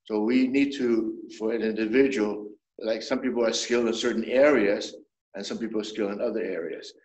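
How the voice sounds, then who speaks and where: A man in his seventies, a traditional medicine doctor, explaining things in a measured way as an interview guest, often restarting his sentences. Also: lowish voice, steady tone, a little mellow. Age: 70s. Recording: roomy echo.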